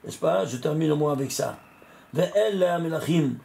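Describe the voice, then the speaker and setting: Rabbi guy teaching torah, highish gravelly voice, keeps asking the room questions, yells sometimes. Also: normal speed. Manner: animated, questioning the audience, bursts of shouting. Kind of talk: Torah lesson.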